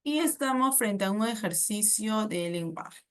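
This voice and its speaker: A Peruvian Spanish-accented woman teaches through exam questions in a patient, explanatory way. She checks in with short tag questions and corrects herself mid-phrase as she goes. Her voice sits at an ordinary middle pitch. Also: animated, a little slow, clear, resonant tone.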